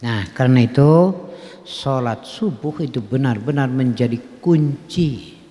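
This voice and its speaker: A mellow, mid-range male voice, slightly slow, carries a folksy sermon with a Sundanese accent. The preacher chuckles, weaves in regional wording, and questions the congregation, his words lingering in the long reverb of a mosque hall.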